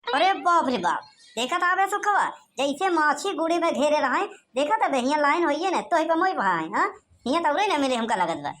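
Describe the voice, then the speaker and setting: A woman voicing a hot-tempered rustic male farmer who scolds in rough village talk with an Awadhi accent. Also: sits high, very animated, moderate pace, a bit bright. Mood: grumbling.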